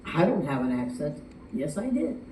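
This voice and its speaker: A woman from the United States speaking to a contest audience as a judge, chatty and animated, acting out quotes. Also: deep voice, moderate pace, slight background noise. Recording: echoey room from far off.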